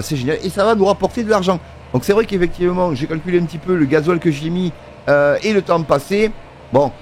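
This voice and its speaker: A man's voice: on the high side, a little hiss or hum. A man giving casual, filler-heavy commentary over his farming game and joking with the workers in it. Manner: chatty, many fillers, talks to workers in the game. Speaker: gaming video creator. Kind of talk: casual let's-play commentary.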